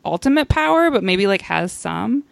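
A woman co-hosts a casual podcast, playful and self-deprecating, peppering her chatter with lots of "like". Her mid-range voice is sing-song and gravelly, at a moderate pace, with no echo.

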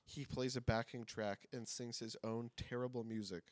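A man's voice: mid-range voice, steady tone, normal speed, dry recording. A young man with a mid-range voice tells a story in casual podcast talk. He is laid-back, swears and laughs often, and the sound is dry and close-miked. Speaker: podcast co-host. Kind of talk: casual chat.

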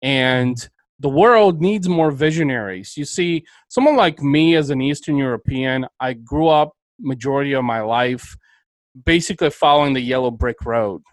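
A man's voice: medium pitch, animated, normal speed, no echo, poor audio. A man from Bulgaria, hosting a podcast interview and talking in an enthusiastic, motivational way. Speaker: podcast host. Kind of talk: interview conversation.

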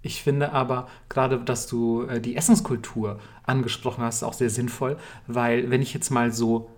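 A man's voice: medium pitch, level tone, moderate pace. Enthusiastic young man, casual podcast chat. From Germany. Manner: enthusiastic, slangy, talks in long rambling runs. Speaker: podcast co-host.

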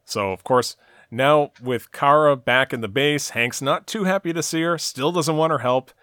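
Recapping a TV episode in detail on a relaxed podcast, a man leans often on "uh" and "you know." His mid-range voice is clear, resonant, and a bit bright, moving at normal speed, captured in a dry studio-quality recording.

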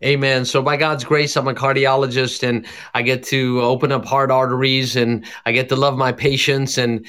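A man's voice: mid-range voice, flat delivery, moderate pace, fairly bright tone, smooth. A man from Jerusalem, a cardiologist and evangelist, giving his testimony in an interview with fervent, preacher-like emphasis.

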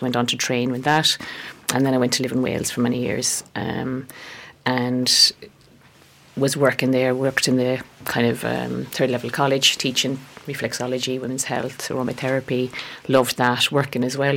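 A woman in her fifties with a West of Ireland accent, reminiscing conversationally as an interview guest in a halting, reflective way. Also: very deep voice, a little hiss or hum. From West Galway, Ireland. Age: 50s. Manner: halting, reflective, peppered with "you know". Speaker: interview guest, herbalist and therapist.

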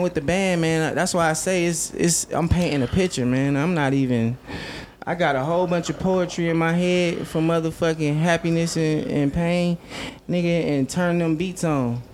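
A man chatting casually and telling animated, rambling stories full of slang and repeated words, as an artist being interviewed. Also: fairly high pitch, moderate pace, a little hiss or hum.

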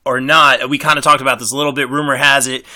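A man's voice: medium pitch, flat delivery, fast talker, pushed and bright. A man hosting a podcast interview in casual, joking chat with hesitant, repeated phrasing. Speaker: podcast host.

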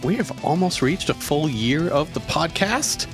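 A man's voice: on the high side, expressive, measured pace, soft background music. A middle-aged man hosting a podcast in casual chat, telling long stories full of fillers. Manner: rambling storyteller, lots of fillers. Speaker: podcast host.

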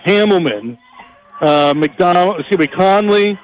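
A man calling college basketball on a headset mic, his voice set high and bright. He rattles through passes and dribbles at speed and jumps higher when a shot drops. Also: slight background noise, rough recording. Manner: rapid energetic calls, rising on big plays. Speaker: play-by-play announcer. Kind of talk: live basketball play-by-play.

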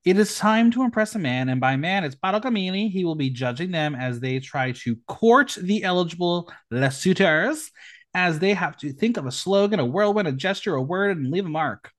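A man's voice: expressive, moderate pace. A man hosting a podcast, recapping a TV episode in a campy, sarcastic manner. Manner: campy, sarcastic, with sudden pitch jumps. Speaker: podcast host.

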